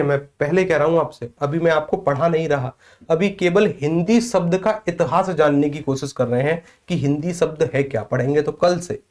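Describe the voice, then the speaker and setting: A man's voice: a little high, darkish tone. Question-and-answer Hindi teacher, man. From Vrindavan area, northern India. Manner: asks the class questions and answers them himself, repeating key points. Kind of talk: exam coaching class.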